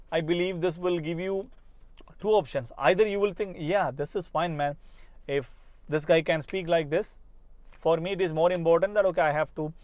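A spoken English coach in his thirties from Kerala, India, with a Malayali English accent, gives an earnest, casual motivational talk straight to camera from inside a parked car, often restarting his phrases. His voice is a little high and darkish. A lapel mic captures him with a muffled sound and no echo.

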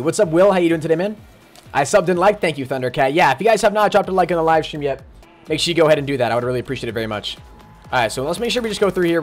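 A man talking through a live game stream in a slightly high, very lively voice. He chats casually, greets viewers by name and breaks into sudden excited outbursts. Faint game music plays underneath. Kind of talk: live gaming stream commentary.

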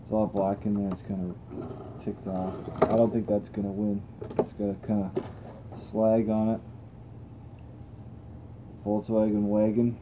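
A man's voice: on the low side, measured pace, pauses often, lo-fi sound, background noise. A young man hosting a toy car channel, chatting casually and thinking aloud as he tests cars on a table indoors. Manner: relaxed, rambling, thinks aloud while testing cars.

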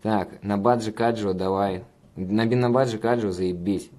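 A man with a fairly low voice hosts a relaxed livestream, reading out viewer comments. He rambles and curses freely, teasing the audience as he goes. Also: moderate pace. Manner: profane, rambling, banter with viewers. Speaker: livestream host reading chat. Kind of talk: casual livestream chat.

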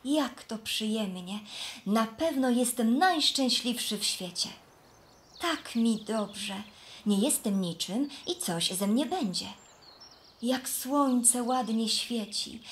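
A woman voicing a naive, cheerful young flax plant in a children's storybook. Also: fairly high pitch. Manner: gentle, earnest.

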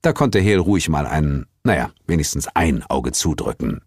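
Playful, expressive male audiobook narrator. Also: extremely low pitch, moderate pace, slightly rough, no room sound, studio quality. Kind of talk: scripted comic audiobook narration. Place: recording studio.

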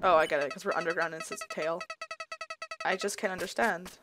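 A woman's voice: on the low side, a little fast, low-quality recording. Woman muttering over game music. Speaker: gaming video host. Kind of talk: casual gameplay commentary. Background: video game music.

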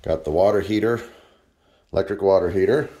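A man giving a relaxed, plainspoken walkthrough tour of an empty house, filmed on a handheld phone. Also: sits low, background noise. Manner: relaxed, plainspoken, with frequent pauses and fillers. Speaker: real estate agent. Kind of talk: casual walkthrough tour narration. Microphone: handheld phone camera. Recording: echoey empty rooms.

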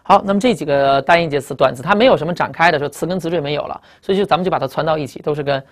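A man's voice: on the high side, racing. A man teaching English vocabulary in a lecture, explaining each word, repeating key terms and spelling letters out. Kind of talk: recorded classroom lecture.

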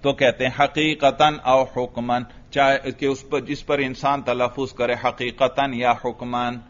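A man's voice: medium pitch, flat delivery, a bit bright. A male religious teacher with a Pakistani Urdu accent gives a grammar lecture, asking the class questions and answering them himself. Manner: recites Arabic text slowly, then explains it. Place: lecture room. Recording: dull lo-fi classroom recording.

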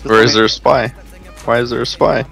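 A man's voice: medium pitch, steady tone, a little fast, vocal fry, fairly bright tone, soft background music. A man in a gaming voice chat, laid-back, asking what is going on. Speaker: gamer in a voice chat.

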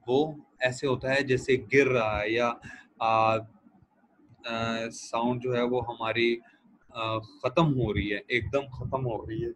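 A man giving a recorded lecture as a language teacher, explaining pronunciation step by step and repeating each sound slowly for students to copy. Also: mid-range voice, a little hiss or hum, low-quality recording.

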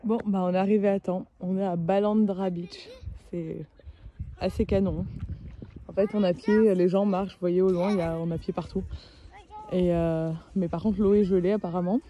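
A woman's voice: fairly low pitch, fairly even intonation, normal speed, warm tone. A woman, chatting casually to her vlog on a handheld phone. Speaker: travel vlogger. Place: outdoors on beaches, in a moving car. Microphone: phone at arm's length. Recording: noisy handheld phone, muffled, wind and car.

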